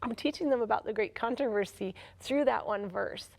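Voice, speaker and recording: A woman's voice: a little high, fairly quick, gravelly. A woman who founded a ministry, a guest in a television interview, explaining its work earnestly and laughing easily.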